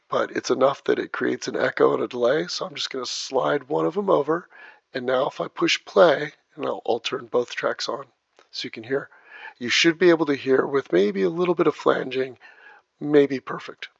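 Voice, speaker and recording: A man teaching video editing step by step, narrating each click as he works, heard through low sample rate, muffled audio. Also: creaky, husky, dry recording. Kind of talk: step-by-step screen tutorial. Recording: dull lo-fi dry voice track.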